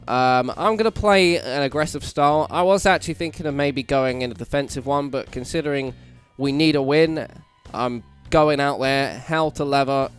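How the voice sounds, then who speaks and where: A hungover British man giving casual, self-deprecating commentary on a video game playthrough, sounding slightly croaky. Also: mid-range voice, normal speed, hardly any pauses. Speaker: gaming YouTuber, host. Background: background music.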